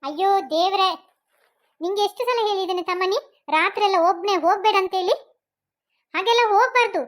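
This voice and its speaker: A woman's voice: extremely high pitch, fast talker, fairly bright tone. A woman voicing a worried, protective mother with a Mangalore Kannada accent, fussing over and scolding her young son.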